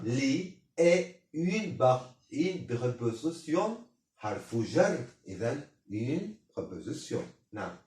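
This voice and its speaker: Guy teaching a slow language class, goes syllable by syllable, voice bounces up and down a lot, echoey room, mic a bit far off. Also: a little high, a little mellow. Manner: slow, repetitive, drills each word syllable by syllable. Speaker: Arabic teacher. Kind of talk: bilingual language lesson, spelling out vowels.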